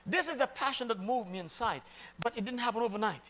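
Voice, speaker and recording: A man's voice: very high-pitched, quick pace, a bit bright. A man preaching a sermon in a conversational way, repeating phrases and laughing often.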